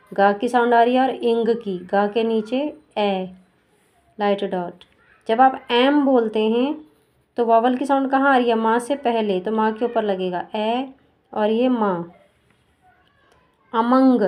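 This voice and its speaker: Woman, teacher, higher voice, sounds out syllables slowly, asks questions while explaining. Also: a little mellow. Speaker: shorthand teacher. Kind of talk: step-by-step lesson explanation.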